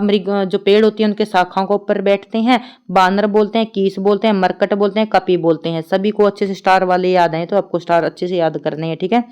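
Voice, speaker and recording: A young adult woman teaching an online exam-prep grammar class, chatty, listing words in quick runs and checking in with her students often. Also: mid-range voice, darkish tone, clean tone. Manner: chatty, repeats "ठीक है" often. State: tired.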